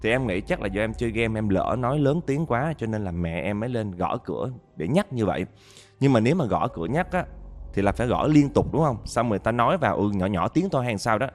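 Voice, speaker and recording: A man's voice: on the low side, expressive, quick pace, soft background music. A man narrating a listener's ghost story, talking straight to his audience with dramatic storytelling.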